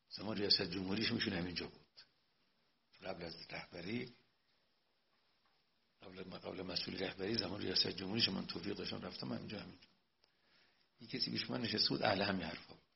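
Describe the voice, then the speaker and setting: Male cleric lecturing, gravelly, soft asides then loud emphatic preaching, dull lo-fi recording. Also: low voice. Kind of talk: religious lecture.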